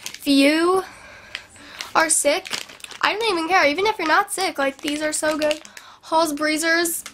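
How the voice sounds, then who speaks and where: A very high, slightly bright voice with fairly even intonation speaks unhurriedly, with a little hiss or hum in the audio. It belongs to a young adult beauty vlogger in her small bedroom, bubbly and rambling with lots of "like" despite sounding sick and sniffly, her camera in front of her at arm's length for this casual chatty vlog.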